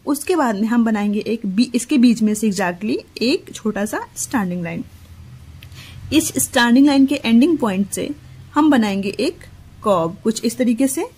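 Woman teacher, higher voice, husky, patient step-by-step handwriting lesson. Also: expressive, darkish tone. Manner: slow, step-by-step explaining with Hindi-English code-mixing. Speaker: play school teacher. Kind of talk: handwriting lesson for young children.

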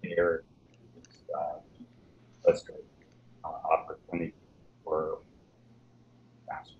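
A man answering questions remotely in a halting way with many ums and uhs, his voice breaking up over an online stream. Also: a bass voice, monotone. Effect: breaking-up online stream audio. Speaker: conference speaker answering questions. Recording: dull lo-fi stream with faint noise.

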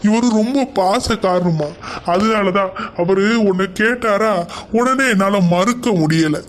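A man's voice: high voice, measured pace. A man voicing a cowardly, bald husband in a cartoon who whines, begs and fawns. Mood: coaxing. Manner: whining, begging, fawning.

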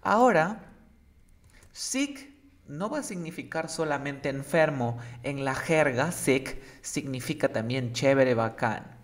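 A man with a mid-range voice teaches English slang in a casual lesson, taking it slowly. He sounds lively and checks often that the student is following.

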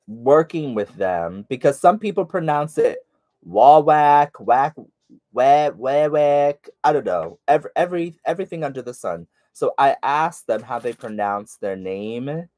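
A man's voice: medium pitch, a little mellow, dry recording. A man with a stuffy nose, chatting casually to viewers while he sews along. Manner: chatty, talks to viewers by name while working. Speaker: sewing vlogger. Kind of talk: casual sew-along chat.

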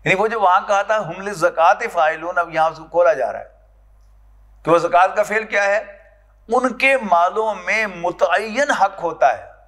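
A man's voice: sits high, moderate pace, fairly bright tone. A man with a Pakistani Urdu accent giving a classroom lecture on scripture, often putting questions to his students. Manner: explaining, asks the class questions. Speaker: Quran lecturer. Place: lecture hall.

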